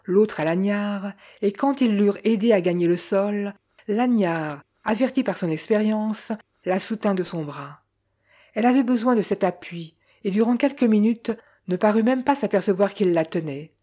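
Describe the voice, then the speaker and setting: A woman reads a novel aloud in an even, unhurried way. Her voice is mellow and warm, of middle pitch. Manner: measured, unhurried reading. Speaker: audiobook narrator. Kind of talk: scripted literary narration.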